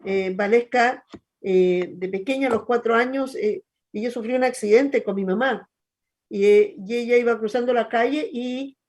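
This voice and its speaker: A woman's voice: on the high side, moderate pace, darkish tone. A middle-aged woman pastor with a Chilean accent, chatting and telling stories in a hesitant, conversational way. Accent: Chilean Spanish. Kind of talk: church talk show, teaching chat.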